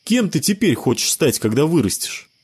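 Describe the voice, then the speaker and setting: A man voicing a squeaky, indignant ten-year-old boy in an audio story. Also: big pitch swings, moderate pace, slightly rough. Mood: curious. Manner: shrill, shouting.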